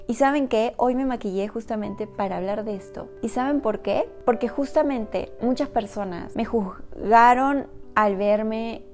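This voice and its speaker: A woman's voice: on the high side, warm tone. A woman vlogger telling her own story straight to the camera, earnest and personal, speaking directly to her viewers. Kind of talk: personal confessional talk to camera.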